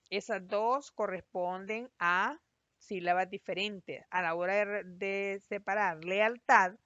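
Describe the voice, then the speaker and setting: A woman teacher giving a recorded class, explaining patiently and spelling out syllables slowly. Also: medium pitch, sharp tone, dry recording. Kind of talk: recorded online class lesson. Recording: dry, slightly dull lo-fi voice-over.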